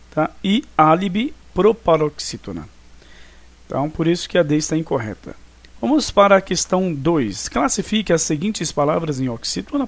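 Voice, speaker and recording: A teacher with a slightly high voice talks through a recorded online class. He is casual and chatty and keeps checking that his students follow along. He is a man working through exercises step by step. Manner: casual, chatty, with many fillers and check-ins.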